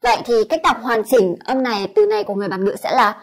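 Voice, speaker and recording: Woman teacher, Vietnamese accent, somewhat high voice, spells out sounds one by one in a clear lesson. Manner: demonstrates sounds slowly, repeating each one. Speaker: English pronunciation teacher. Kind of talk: explanatory lesson.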